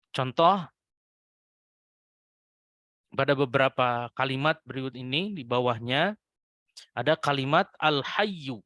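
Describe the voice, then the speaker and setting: This tajwid lesson features a man with a mid-range, slightly bright voice teaching adult students the rules of Quran recitation. He patiently and slowly repeats example words with a lifted voice and speaks politely to his listeners; the studio sound is clean, with no room sound.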